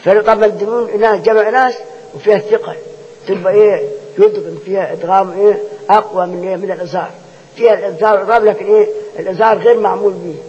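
A man's voice: high-pitched, steady tone, rapid-fire, a little mellow, slight background noise. A man with an Egyptian Arabic accent, teaching Quran recitation rules as a lecture, who keeps posing rhetorical questions and repeating each point to drill his students. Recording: dull lo-fi sound with long hall reverb.

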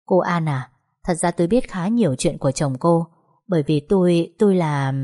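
A woman's voice: lowish voice, moderate pace, warm tone, natural voice. A woman voicing an obsessive, pleading young man. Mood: earnest. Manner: desperate and clinging.

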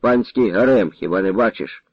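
A man's voice: lowish voice, normal speed, breathy edge, dry recording, voice pushed down. A man voicing a sardonic, worldly male trader who talks wryly with sighs, in a dull recording. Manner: wry and sighing.

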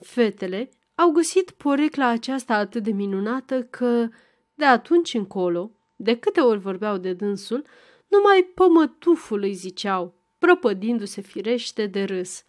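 A woman reading a classic novel aloud as a volunteer audiobook narrator, in a measured, even storytelling manner. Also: mid-range voice.

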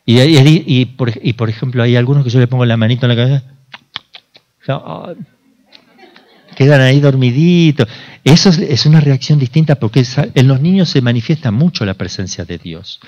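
Sacerdote de voz media, grabación apagada. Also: male voice, mid-range voice, moderate pace, darkish tone, dull audio. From Argentina. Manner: conversational, asks the audience questions, acts out dialogues. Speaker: priest. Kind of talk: informal sermon talk.

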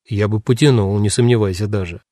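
A man's voice: lowish voice, brisk, mellow, no room sound, clean studio sound, close to an everyday voice. A man voicing a crude, swaggering male prisoner who mocks everyone in coarse slang. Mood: mocking.

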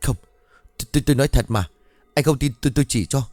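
A man's voice: mid-range voice, fast, a little mellow, no room sound, voice pushed up, lightly acted. A man voicing a panicked middle-aged market woman who stammers and pleads as she talks. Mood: pleading.

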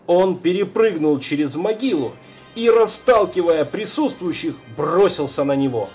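A man narrating an audiobook in a measured, unhurried reading. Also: on the high side, expressive, breathy edge, faint music behind. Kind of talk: scripted narration.

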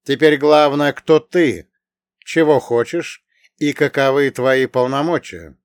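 A man's voice: medium pitch, takes it slowly, clear, resonant tone, no room sound, clean studio sound. A man voicing a defiant military commander who speaks in firm, blunt declarations.

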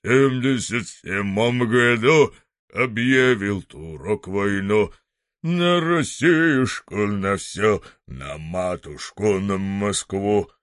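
Man doing an old soldier's menacing bass song. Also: lively intonation, fairly bright tone, no room sound, clean studio sound. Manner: slow drawn-out singing. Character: old soldier cobbler singing threateningly in bass.

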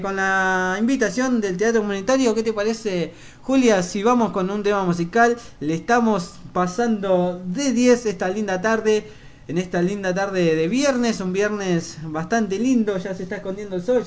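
High-voiced Argentine radio host, halting. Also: male voice. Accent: Argentine Spanish. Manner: halting, repeats and corrects himself with many fillers. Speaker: local radio sports show host. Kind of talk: casual community radio announcements.

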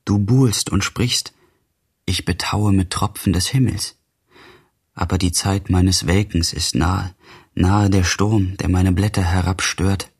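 Slow, deep-voiced man reciting mournful verse. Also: steady tone, slightly rough. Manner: slow, mournful, drawn-out delivery. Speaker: audiobook reader. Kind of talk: solemn recitation of verse passages.

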